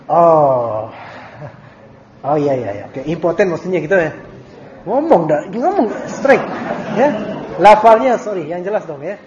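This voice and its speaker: An Islamic teacher leads a religious study circle, reading out questions and answering them in a casual, joking way. His fairly high, slightly mellow voice is animated but a little slow, with long pauses, and the recorded lecture has dull lo-fi audio with faint hiss.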